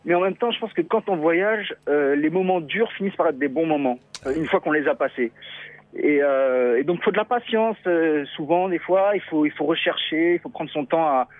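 A man talking as a guest traveler in a radio interview, halting and thoughtful, with many restarts. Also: on the high side, no echo. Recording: thin phone-like dry sound.

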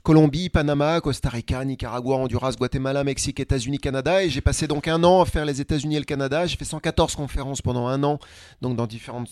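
A man telling his travel story in a casual, lively interview, running through lists of places. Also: medium pitch, fast talker, no echo, studio quality. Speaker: guest, traveler and speaker. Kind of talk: conversational storytelling.

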